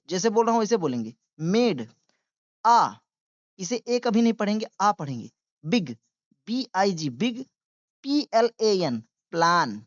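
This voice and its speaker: An English reading teacher with a high-pitched voice runs a beginner reading lesson, spelling each word letter by letter and translating it through patient, repetitive drilling. The lo-fi recording has no room sound.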